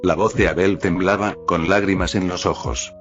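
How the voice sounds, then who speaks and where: A man calmly reading a first-person fan fiction story aloud as narrator. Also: sits low, normal speed. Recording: dull lo-fi audio with faint music.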